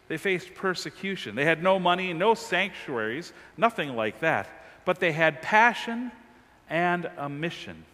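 A man in his forties delivers a sermon at a church lectern, his fairly high voice rising and falling in lively swings between strong emphasis and quiet drops. The sound carries a long reverb from the large sanctuary around him. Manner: emphatic preaching with wide swings of pitch and volume, gesturing. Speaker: pastor.

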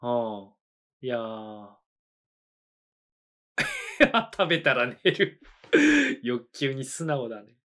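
With very slow delivery and long pauses, a man in his thirties reacts to anime in a small indoor studio, musing aloud between short reactions and laughs. His mid-range voice swoops wildly in pitch and has a fairly bright tone. The talk is casual reaction commentary from an anime reaction channel host.

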